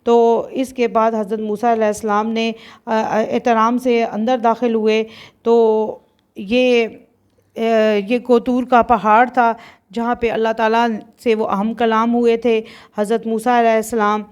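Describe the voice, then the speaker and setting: A woman hosting her channel and telling a religious story in a hesitant way, with many drawn-out fillers. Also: a little high, little pitch movement, a little mellow, clear, resonant tone, muffled recording.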